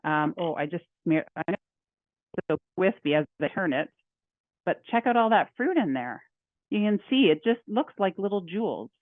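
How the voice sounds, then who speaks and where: A woman's voice: lowish voice, sing-song, moderate pace, no room sound. Chatty woman on a tinny call line. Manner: chatty, laughs often, talks through her steps. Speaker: home economist presenter. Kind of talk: cooking demonstration. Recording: dry tinny phone-like audio.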